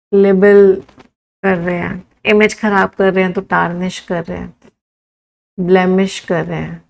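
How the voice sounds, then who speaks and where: A young Indian woman teaching English vocabulary in an online class. She reels off lists of synonyms and slows down to dictate idioms. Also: lowish voice, vocal fry, darkish tone. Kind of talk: live online vocabulary lesson.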